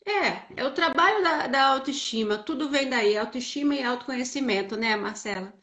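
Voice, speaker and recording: Brazilian woman, guest, casual chat, reflective, high voice, echoey room. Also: lively intonation, moderate pace, pushed and bright. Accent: Brazilian Portuguese. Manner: reflective, explains at length.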